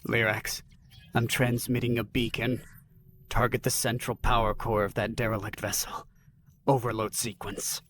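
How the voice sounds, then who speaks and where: A grim, resolute alien starship captain, read by a man. He gives low, clipped orders at a middling pitch, with faint noise in the background. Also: level tone, normal speed, a bit bright, lightly acted.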